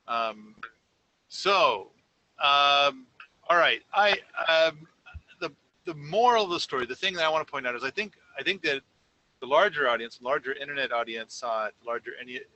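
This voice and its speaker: In this casual podcast conversation, a male co-host meanders through a story, often restarting and leaning on fillers. He speaks in a pushed, bright mid-range voice, with the highs cut off and a little hiss or hum in the audio.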